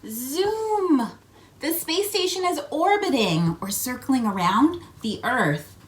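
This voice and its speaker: Reading a children's picture book slowly in a voice that sits high, this host acts out the sound words and coaxes her young audience with questions and asides. Her delivery is expressive, and there's a little hiss or hum.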